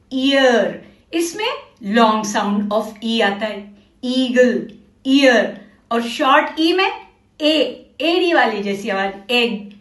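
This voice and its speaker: A woman teacher walks learners through a literacy lesson, slow and patient, repeating each word. Her voice sits high. The room around her echoes. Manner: slow, patient, coaxing, repeats words and asks questions.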